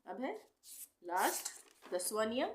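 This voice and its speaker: A woman teaching English pronunciation rules, patiently repeating each example word slowly. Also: fairly high pitch, big pitch swings, a little hiss or hum. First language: Hindi. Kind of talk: explaining English spelling rules.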